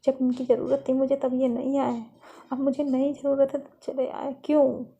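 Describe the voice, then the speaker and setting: A woman's voice: sits high, level tone, moderate pace, dark tone, husky, muffled recording. Lovely, a woman voicing a hurt angry young woman. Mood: anguished. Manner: bitter, outburst-prone, self-questioning. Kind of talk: storybook reading.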